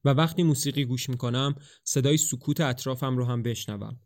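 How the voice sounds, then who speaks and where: A proud young woman who answers curtly, read plainly by a male narrator. Her lines are short and dismissive, delivered at a middle pitch. It is a storybook reading with little put-on voice. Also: natural voice. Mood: dreamy. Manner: curt, dismissive, then dreamy.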